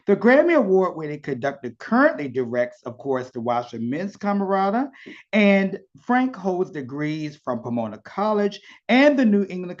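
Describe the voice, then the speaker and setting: A man's voice: a little high, muffled recording. A man with a Southern accent hosting a virtual interview, chatty and effusive, heard over a video call. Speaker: interview host.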